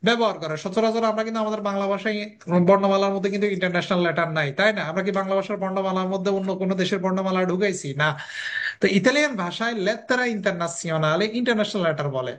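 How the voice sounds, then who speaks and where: A language teacher giving a recorded lesson. The teacher asks questions and answers them, and repeats each sound slowly for drilling. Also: medium pitch.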